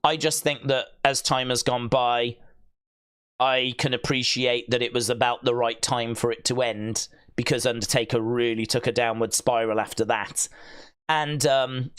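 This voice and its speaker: With a mid-pitched voice that is clear and resonant, a male livestream host talks with viewers in a relaxed, rambling watch-along manner. He often slips in deadpan jokes.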